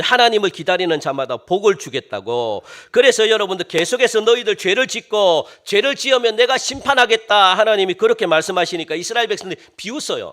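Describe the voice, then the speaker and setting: A man preaching a sermon as pastor, with lively swings between loud exclamations and quiet asides. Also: fairly high pitch.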